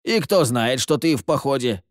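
A man's voice: medium pitch, animated, moderate pace, dry recording, clean studio sound, lightly acted. Man voicing a sickly, scornful stranger. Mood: sardonic. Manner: gruff, scornful, curses with Spanish words. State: ill, coughing. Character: sickly, sardonic grown man lurking in the dark.

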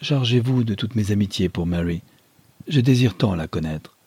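A man voicing a gentle but firm young Englishwoman in a read-aloud novel, his husky voice lifted somewhat higher. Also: lively intonation, normal speed. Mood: gentle, pleading.

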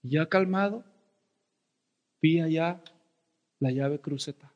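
Dramatic preacher in a reverberant hall. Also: male voice, a little high, slow, muffled recording. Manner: dramatic storyteller, shouting and whispering for effect. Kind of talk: sermon with personal story.

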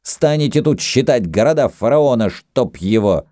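A man's voice: fairly low pitch, animated, normal speed, dark tone, no echo, clean studio sound, pitched above the performer's own voice, lightly acted. A man voicing a hot-tempered host who barks and scolds in a raised tone. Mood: scolding. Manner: barking, raised tone. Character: hot-tempered male host, blustering and threatening.

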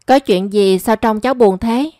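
A woman doing a gentle, frail elderly lady. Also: a little high, normal speed, no echo, clean studio sound, natural voice. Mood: concerned. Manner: gentle, caring and coaxing. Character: kind ailing elderly wealthy woman.

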